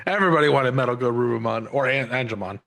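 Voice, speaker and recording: A man chats on a gaming podcast with friends, laughing and swearing as he talks. His voice has a middle pitch. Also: quick pace, gravelly, fairly bright tone. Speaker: podcast co-host. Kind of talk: casual chat.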